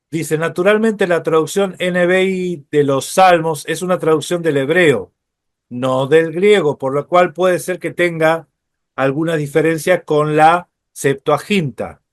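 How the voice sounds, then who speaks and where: A male Bible teacher lecturing at an unhurried, deliberate pace in a somewhat high voice. He explains patiently, pausing on fillers and checking in with his listeners. The sound is dry and close. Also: no room sound.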